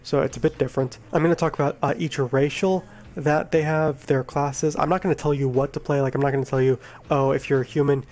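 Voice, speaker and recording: A man with a groggy voice from being sick, casually explaining a video game in a relaxed, rambling way and correcting himself as he goes. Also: a little high, fast. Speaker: gaming video creator. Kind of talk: casual game guide talk.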